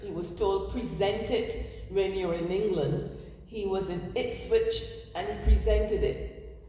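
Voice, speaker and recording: A woman's voice: mid-range voice, slow, mellow. A woman hosting a community talk in a church, speaking earnestly to an audience through a handheld microphone. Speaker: event host and historian. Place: large echoey church hall. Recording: echoey hall, room noise.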